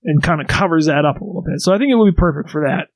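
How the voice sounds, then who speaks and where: A man's voice: on the high side, lively intonation, racing, no room sound. A man co-hosting a casual sauce-tasting podcast, who swears freely and laughs often. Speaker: podcast co-host.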